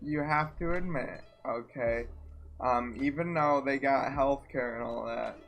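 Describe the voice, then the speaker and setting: A man's voice: medium pitch, a little slow, gravelly, a bit bright. A young man co-hosting a comedy podcast, joking crudely and laughing often over faint background music. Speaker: podcast co-host. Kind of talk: casual comedic chat.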